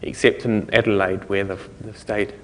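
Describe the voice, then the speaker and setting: A man's voice: on the low side, flat delivery, moderate pace, in a large hall, a little hiss or hum. A man giving a conversational conference talk, explaining things step by step. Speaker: conference speaker.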